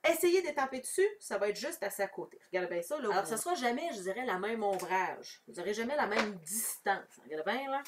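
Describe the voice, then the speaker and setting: A woman's voice: medium pitch, animated, quick pace, few pauses, noisy background. A woman with a Québécois French accent leads a casual, chatty craft tutorial, explaining each step and answering viewers. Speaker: crafting demonstrator. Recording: voice somewhat far from the mic.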